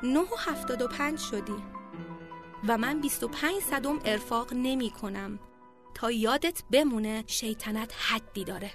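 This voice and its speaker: A woman narrator lends her voice to a stern schoolteacher who speaks curtly and without interest. The voice sits fairly high and is read plainly, with soft music faintly behind it. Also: close to an everyday voice. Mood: cold. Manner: curt, indifferent. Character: cold, strict female school teacher.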